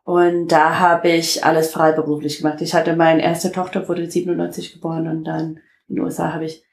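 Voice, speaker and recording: American woman with a gravelly voice. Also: low voice, flat delivery, echoey room, slight background noise, poor audio. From United States (Detroit). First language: English. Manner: halting, many fillers, laughs often. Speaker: interview guest. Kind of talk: casual interview talk.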